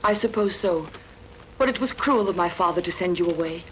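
A woman's voice: fairly low pitch, a little fast, highs cut off, natural voice. A young princess in love, a wistful and dutiful woman acted out for a film dub. She speaks in formal, tender, earnest phrases, with faint noise behind her. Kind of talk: dubbed sword-and-sandal film acting.

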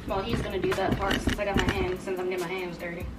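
A young adult woman with a mid-range voice chats casually and quickly, her delivery flat, in a home cooking vlog. She's in a small kitchen indoors, filmed by a camera a few feet away. The distant mic picks up echo from the kitchen and music playing behind her.

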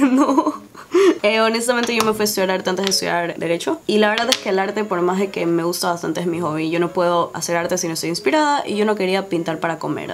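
Chatty young woman from Guayaquil. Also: medium pitch. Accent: Guayaquil Spanish. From Ecuador. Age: 20s. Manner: chatty, laughs often, filler-heavy. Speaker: beauty YouTuber. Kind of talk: casual Q&A chat while doing makeup. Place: small indoor room before a dark backdrop. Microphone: camera on tripod at head-and-shoulders framing.

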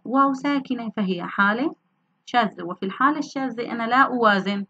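A woman teaches a grammar lesson, posing questions to her class and answering them herself. Her voice is bright and forward, and the recording sounds slightly dull and lo-fi. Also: medium pitch, husky. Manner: explanatory, asks and answers her own questions.

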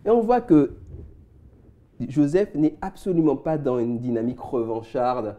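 Man, very dark and mellow voice, Bible teacher, reflective, speaks to listeners. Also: mid-range voice, a little slow. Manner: reflective, addresses listeners directly, some fillers. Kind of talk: Bible study talk with scripture reading.

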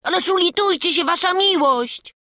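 A plucky peasant boy, quick to argue and bold in his pleading. The voice sits high and sounds bright and sharp, like a storybook hero lad. It is a dry, close audiobook read. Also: no room sound. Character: brave cheeky peasant boy apprentice. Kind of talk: audiobook character voice.

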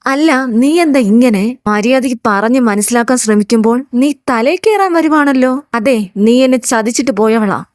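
A reproachful young man presses hard on a woman who once left him, as a woman narrator reads him in her own voice. The voice sits fairly high and sounds dry and close, with no room around it. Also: normal speed, few pauses, dry recording, close to an everyday voice. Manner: blunt, reproachful. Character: young man scolding his former lover.

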